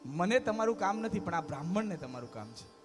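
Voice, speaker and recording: A man voicing a calm, wise old male monk teacher in a retold story, speaking in a low, measured, gently instructive way. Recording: music playing clearly behind.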